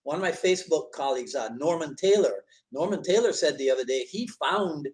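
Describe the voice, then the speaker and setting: Male host, fairly high voice, easygoing and affirming. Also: lively intonation, fairly quick, a little mellow. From Barbados. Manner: easygoing, agreeable, frequent affirmations. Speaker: podcast host. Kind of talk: casual conversation.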